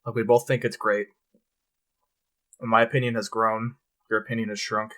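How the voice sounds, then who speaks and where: Male co-host, low-ish voice, loose casual chat with some cursing. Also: moderate pace. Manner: relaxed, swears freely. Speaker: podcast co-host.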